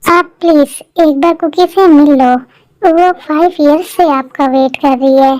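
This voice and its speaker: A woman's voice: high-pitched, unhurried, a little mellow, dry recording. A woman voicing a bold, outspoken young woman friend in a fan-made dubbed drama. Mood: urging. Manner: outspoken, pushy.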